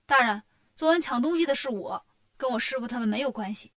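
A woman's voice: on the high side, expressive, brisk, close to an everyday voice. A woman doing a bold, clever monkey hero. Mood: confident.

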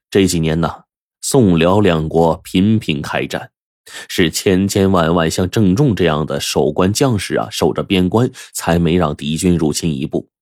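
Male storyteller, deep, husky, very lively delivery, close dry mic. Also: dry recording. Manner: lively, expressive, colloquial. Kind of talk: traditional storytelling narration.

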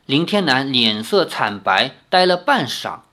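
Brief: male storyteller reading a novel, lively animated delivery. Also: mid-range voice, unhurried. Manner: expressive, dramatic storytelling. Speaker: reader. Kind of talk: reading a martial arts novel aloud.

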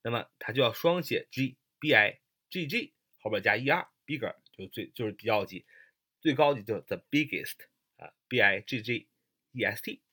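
A man's voice: medium pitch, expressive, normal speed, bright, forceful tone, breathy edge. A man teaching English grammar in Mandarin, spelling words out letter by letter with frequent fillers. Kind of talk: explaining grammar lesson.

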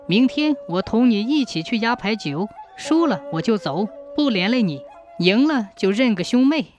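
A woman's voice: a little high, animated, normal speed, a little mellow, soft background music, lightly acted. Woman voicing a pleading young ghost woman. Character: pitiful young ghost woman, gentle and grateful.

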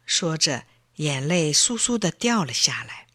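An older woman in her sixties tells a children's story at an unhurried pace. Her voice is bright and lively, rising and falling expressively. The recording is close and dry. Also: low-pitched, husky, no echo. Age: 60s. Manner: slow, expressive reading.

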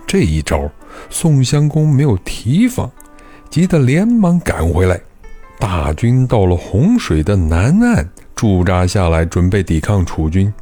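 A man narrating a historical story in an expressive, scripted reading. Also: on the low side, slightly rough.

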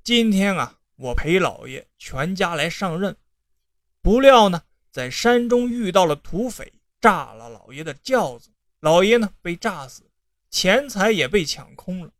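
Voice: medium pitch, very animated, measured pace, dry recording. Old con-man secretary, pleading and persuasive, put on by the storyteller, dry close mic. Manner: persuasive, tearful, sudden outbursts. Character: scheming old male county secretary, wheedling.

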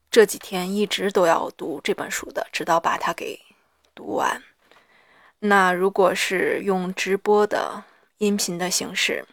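Female diarist, gravelly and hoarse, very slow and reflective, pausing mid-thought, mid-pitched. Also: no room sound, studio quality. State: hoarse after an hour of reading aloud. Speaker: solo audio diarist. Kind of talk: personal audio diary, reflective monologue.

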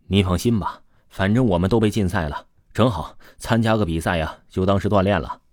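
A man's voice: sits low, a little fast, no echo, studio quality, lightly acted. A man voicing a cautious young male swimmer who asks careful questions. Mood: eager. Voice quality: soft, tentative.

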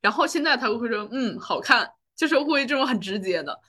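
A woman's voice: on the high side, lively intonation, fast talker, fairly bright tone. A woman in her twenties, a podcast co-host, chatting casually about her own life and rambling through fillers and restarts. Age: 20s. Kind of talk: casual personal chat.

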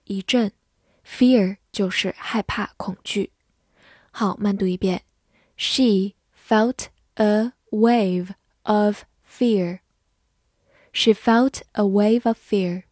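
A woman teaching English vocabulary, who spells words letter by letter and reads example sentences slowly. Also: mid-range voice, fairly even intonation, a little mellow, breathy edge, dry recording, clean studio sound. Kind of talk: vocabulary lesson.

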